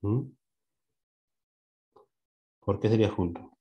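Male teacher with a low, warm voice; a patient questioner who drills his class and repeats each word slowly. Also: highs cut off. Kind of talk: classroom lesson.

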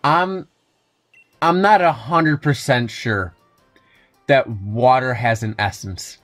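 A man's voice: medium pitch, slow, a bit bright, faint music behind. A young adult man giving wry, joking commentary over a video game, often chuckling at his own asides. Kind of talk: let's play commentary.

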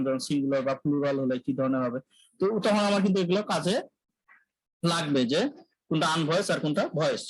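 A man teaching English pronunciation in a live online lecture, drilling sounds by repeating them and often clearing his throat. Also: a little high, no echo, low-quality recording. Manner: clears throat often, self-corrects mid-sentence.

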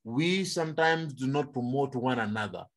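A man's voice: mid-range voice, lively intonation, normal speed. A man from Kenya on an online panel, speaking in a preaching manner and asking rhetorical questions.

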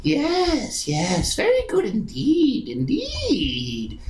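A man voicing a gleeful, eerie old hag shopkeeper in a tabletop game, with a shrill cackling voice and drawn-out, repeated words. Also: wildly swooping pitch, heavily acted. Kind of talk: tabletop game role-play. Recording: roomy echo, faint background noise.

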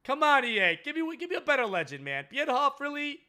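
A young man giving loud, excitable commentary while opening game packs, jumping between shouted hype and muttered swearing. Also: extremely high pitch, quick pace. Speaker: gaming YouTuber opening packs.

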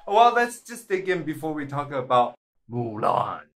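A man's voice: on the high side, big pitch swings, unhurried. A man hosting a casual mukbang vlog at a table at home, upbeat and playful, often chuckling. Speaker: vlogger host.

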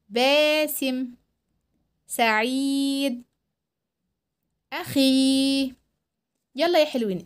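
A woman with an Egyptian accent teaching young children to read, drawing out syllables slowly and clearly. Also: sits high. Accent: Egyptian Arabic. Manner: drawn-out syllables for young learners. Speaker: primary school teacher. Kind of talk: children's reading lesson. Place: voice-over recorded at home.

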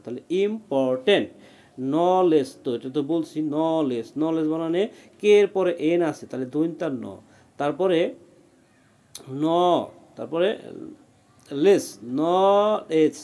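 A teacher with a mellow voice, a little above the usual male range, patiently walks a student through a spelling lesson letter by letter. He checks in often, asking "ঠিক আছে?" to keep the student following.

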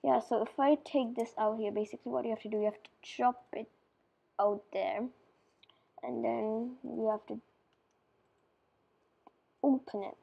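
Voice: mid-range voice, steady tone, measured pace, creaky, pauses often, warm tone, breathy edge, rough recording. A person giving casual, rambling commentary over a game tutorial, often dropping into mumbles and whispers and correcting themselves. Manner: loose and chatty, with many fillers and self-corrections. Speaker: gameplay tutorial maker.

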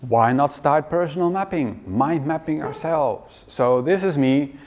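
A man's voice: fairly high pitch, a little slow. A middle-aged man giving a wry, joking conference keynote in a large hall, speaking into a headset mic. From Netherlands. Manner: wry, joking, lively presenter.

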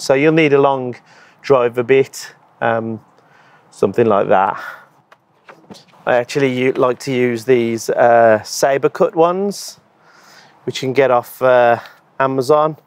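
A channel host who installs EV chargers, a man in his thirties, demonstrates an installation next to a wooden shed in a garden. Captured on a lapel mic, his mid-range, hoarse voice is easygoing and explanatory, with plenty of ums and so's.

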